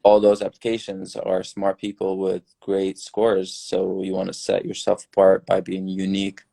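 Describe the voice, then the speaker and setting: A young man from Syria, a newly graduated dentist, giving earnest, relaxed advice as a podcast guest. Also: low voice, normal speed, vocal fry. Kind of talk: casual podcast chat.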